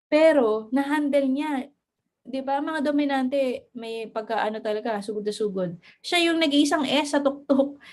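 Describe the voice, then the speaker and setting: A woman coaches her team in a relaxed, motivational lesson. Her voice sits a little high, and she switches between languages easily. She laughs often and sometimes stumbles over her words. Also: unhurried. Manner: mixes English into Filipino, laughs often, stammers. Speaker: network marketing mentor.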